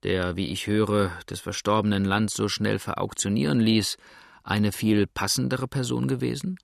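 A man reading an old, kindly traveller in an audiobook, speaking calmly and reassuringly. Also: on the low side, normal speed, gravelly, no echo, studio quality. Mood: grave. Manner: calm and reassuring.

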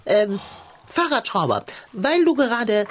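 A pompous male pirate cat in a children's audio drama. He sounds husky and his pitch leaps all over the place. He stays smug and teasing, with a mock-formal air. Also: very animated, measured pace. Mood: wry.

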